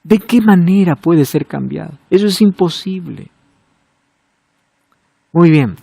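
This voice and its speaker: A man preaching a sermon, asking rhetorical questions and swinging from loud emphasis to hushed low words. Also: lively intonation, slow, vocal fry, husky, dry recording.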